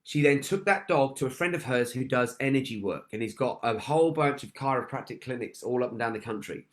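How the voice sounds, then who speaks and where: A man's voice: medium pitch, fairly quick. A man giving a motivational talk, telling a personal story with emphatic repetition and often addressing his listeners as "guys". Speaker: motivational speaker.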